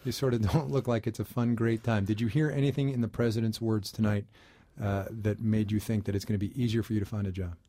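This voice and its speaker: A man hosting a radio news program, asking a panel of guests questions in a measured, conversational way. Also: fairly low pitch, steady tone, warm tone, no room sound. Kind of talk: broadcast panel interview.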